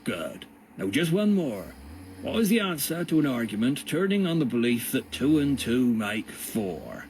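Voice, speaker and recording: A man voicing a condescending male jailer who lectures his prisoners slowly and with a sneer in a storybook reading. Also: medium pitch, big pitch swings, a little mellow, slight background noise. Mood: lecturing.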